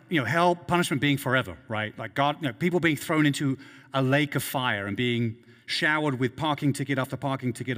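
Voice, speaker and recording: A man's voice: mid-range voice, a bit bright, in a large hall. A man preaching a sermon as a pastor, earnest and emphatic, often repeating words as he builds each point.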